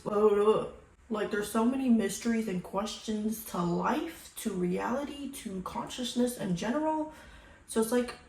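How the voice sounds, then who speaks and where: A woman with a slightly raspy morning voice and fairly high pitch hosts a sip-and-chat vlog at home, rambling casually to viewers. She's slangy and playful, swears a bit and throws in emphatic catchphrases. The indoor sound is roomy and echoey.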